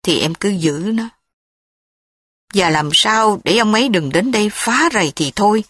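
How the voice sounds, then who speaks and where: A woman's voice: medium pitch, animated, a little slow, fairly bright tone, dry recording, studio quality. A woman reading the part of a hurt, bitter young husband who speaks emotionally in an audiobook drama. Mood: gentle.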